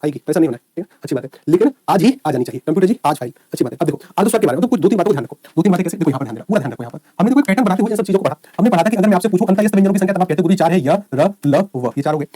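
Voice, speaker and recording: A man's voice: high voice, animated, dark tone, no echo. A man teaching an online exam-prep lecture, repeatedly checking in with his students. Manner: rapid, repetitive checks with students.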